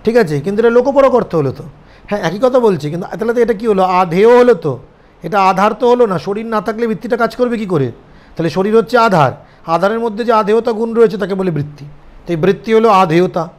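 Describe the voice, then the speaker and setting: High-voiced Bengali man lecturing. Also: very fast. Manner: explanatory, often checking understanding with the listeners. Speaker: seminar teacher. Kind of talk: lecture to students.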